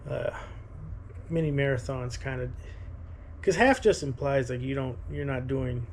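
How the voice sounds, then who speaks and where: Casual male vlogger, thirties: gravelly fry, rambling, halting delivery, faint background noise. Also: mid-range voice. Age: 30s. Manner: halting, thinking aloud. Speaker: running vlogger. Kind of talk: casual rambling vlog talk.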